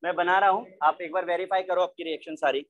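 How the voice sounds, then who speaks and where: A man's voice: high-pitched, fairly even intonation, quick pace, highs cut off. A man teaching a chemistry class from India, explaining step by step and mixing English terms into his talk. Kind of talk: online class lecture.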